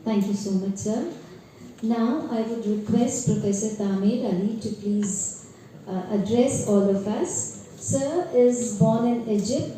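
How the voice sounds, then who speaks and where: A woman's voice: mid-range voice, mellow. A woman hosts a conference and reads formal, scripted introductions of the speakers. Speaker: conference host. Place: large echoey conference hall. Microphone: distant from the microphone. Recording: echoey hall from far off, faint noise.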